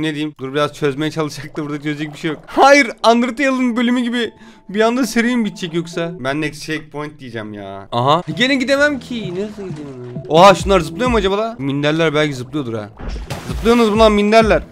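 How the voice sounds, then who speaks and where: Young dude streaming a game, high voice, goofy running commentary, goes from mumbling to yelling, light music in the back. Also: male voice. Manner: excitable, jokey, swings from mutters to yelps and shouts. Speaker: gaming YouTuber. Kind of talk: casual let's-play commentary.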